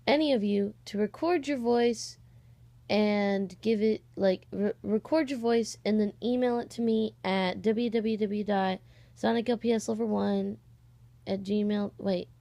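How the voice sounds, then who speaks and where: A sixteen-year-old girl who runs an amateur voice-acting channel gives a casual, rambling, hesitant announcement in informal vlog style. Her mid-range voice has fairly even intonation, an unhurried pace, vocal fry, and a dark tone. She records on a cheap, slightly distorted microphone.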